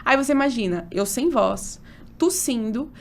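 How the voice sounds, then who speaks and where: A woman in her thirties, an obstetrician guest, telling a personal story in a casual interview. She talks in an emotional, animated way, full of fillers. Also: a little high, normal speed.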